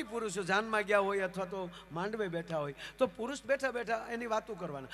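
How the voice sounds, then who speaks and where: A Gujarati-accented man performing folk comedy on a live stage, with a very high, bright voice. He tells stories and jumps into character voices, speaking into a stage microphone. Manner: animated, acts out characters in raised voices. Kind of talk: live stage storytelling with jokes. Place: live outdoor folk program.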